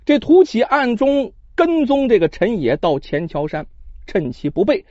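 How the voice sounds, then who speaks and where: Male traditional storyteller, very lively pitch, chatty asides, dry and a bit dull recording. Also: a little slow, no echo. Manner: animated, chatty asides to listeners.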